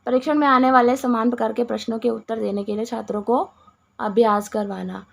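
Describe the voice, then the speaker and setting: A woman with a hoarse voice and a cough, explaining answers to exam questions with restarts and many English words. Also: on the high side, fairly even intonation, a little fast. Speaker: teacher going through exam questions. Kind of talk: Hindi exam-prep lesson.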